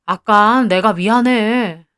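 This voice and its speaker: A woman's voice: on the high side, animated, moderate pace, a bit bright. A woman voicing a jealous, moody young man who is the narrator's fiancé, curt and sulky, in read-aloud story dialogue. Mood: coaxing.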